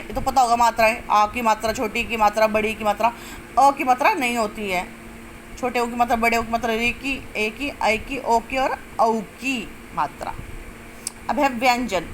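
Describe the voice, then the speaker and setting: Higher-pitched woman teaching grammar. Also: fairly bright tone, a little hiss or hum, low-quality recording. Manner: explains step by step, asks and answers own questions; drawls sounds out slowly to demonstrate them. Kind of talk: classroom-style lesson.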